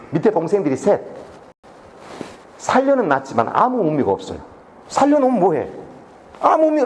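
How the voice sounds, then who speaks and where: A man's voice: fairly high pitch, slight background noise. A middle-aged man giving a public lecture, telling a story and acting out its dialogue. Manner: animated, acts out dialogue in his story.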